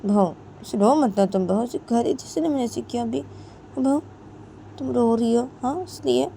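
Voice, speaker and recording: A stern middle-aged mother-in-law, put on by a woman storyteller, bossy and insistent. She talks in a raised, loud voice and keeps repeating her orders and threats. A faint hiss sits under the voice. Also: on the high side, normal speed, creaky, voice pushed up. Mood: coaxing.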